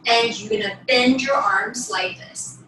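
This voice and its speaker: In a small indoor bedroom, a young woman explains ballet steps to camera in a casual, instructional way, regularly checking in with tag questions. Her fairly high, sharp voice is a little slow; faint music plays behind her, and the recording is echoey and distant with slight noise.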